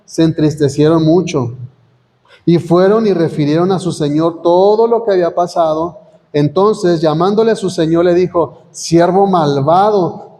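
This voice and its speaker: A man's voice: sits high, mellow. A man preaching a sermon as pastor, reading scripture aloud and asking the congregation questions. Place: church hall. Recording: long church hall reverb.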